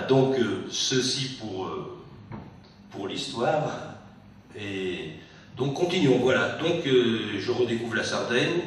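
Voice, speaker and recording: A man's voice: medium pitch, fairly bright tone, recorded from a distance, slight background noise. Man translator giving a book talk, lots of restarts, mic way off, big echoey hall. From France. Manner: hesitant, many restarts. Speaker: literary translator. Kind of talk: talk and reading at a public book event. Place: meeting hall.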